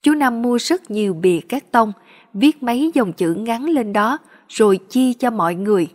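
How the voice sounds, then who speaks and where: A woman narrating a dramatic story in an expressive, steady way. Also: fairly high pitch, moderate pace.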